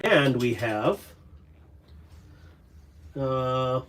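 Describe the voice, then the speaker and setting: Talking extremely slowly, a livestream host with a mid-range, slightly bright voice and lively intonation rambles on to his chat. He sorts through things at a cluttered indoor workspace during the casual stream.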